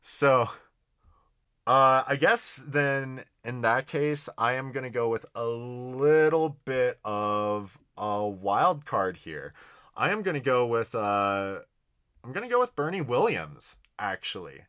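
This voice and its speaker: Bright-voiced man, rambling casual banter. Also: mid-range voice, lively intonation, slow pace, smooth, no room sound, studio quality. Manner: hesitant, rambling, heavy use of "like". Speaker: podcast co-host. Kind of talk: casual banter, fantasy draft commentary.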